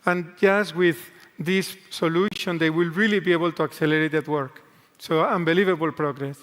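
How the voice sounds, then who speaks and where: Fairly high in pitch, steady, and fairly bright, this middle-aged man's voice moves at a moderate pace. As a guest executive delivering a keynote on a large convention hall stage, the native Spanish speaker talks earnestly in second-language English with a strong Spanish accent and some restarts, and the hall's echo is audible.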